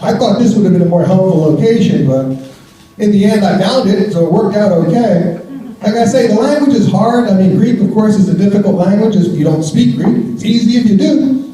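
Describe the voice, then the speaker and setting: This American stand-up comic talks to a live audience in a wry, conversational style, chuckling at his own lines. His voice sits high with lively intonation and a dark tone, a little fast, and the distant mic gives a roomy theater sound.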